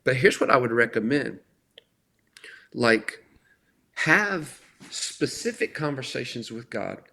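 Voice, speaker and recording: A middle-aged man giving an earnest, conversational talk on faith, slowing down to stress key words. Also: medium pitch, big pitch swings, gravelly, sharp tone. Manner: earnest, emphatic, often slows for stress. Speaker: faith speaker.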